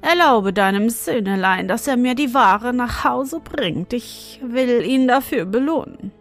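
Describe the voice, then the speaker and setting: A woman voicing a hoarse, spiteful old witch who mutters and mocks in a storybook reading. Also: a little high, lively intonation, measured pace, soft background music. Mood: sly. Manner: muttering, mocking.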